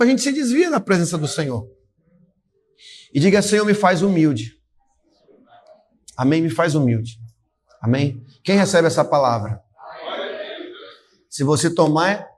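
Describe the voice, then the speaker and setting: High-voiced fervent pastor preaching. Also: male voice. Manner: fervent, exhorting, calls out to the congregation. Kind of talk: sermon. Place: church service.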